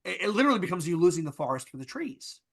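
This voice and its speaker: A man's voice: sits high, big pitch swings, rapid-fire, vocal fry. A man co-hosting a podcast, talking things through in a casual, explanatory way and often checking in with "right?". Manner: thoughtful, explanatory, repeats "right?". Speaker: podcast co-host. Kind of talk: casual discussion.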